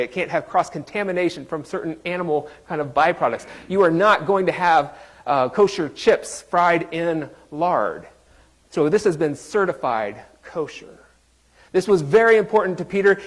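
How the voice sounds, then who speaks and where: A man preaching a sermon in a conversational, joking way, quizzing his congregation. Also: on the high side. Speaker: pastor.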